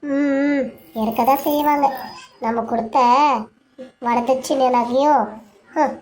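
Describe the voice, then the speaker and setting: A woman's voice: high voice, fairly even intonation, slow, warm tone. A woman voicing a shrewd middle-aged mother who lectures her daughter bluntly, in a family serial drama. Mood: worldly. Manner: lecturing, scornful of people who love for money. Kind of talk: Tamil family serial voice acting.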